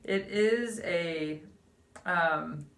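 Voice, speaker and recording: Low-pitched female radio host, halting and searching for words, roomy studio. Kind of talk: casual radio chat.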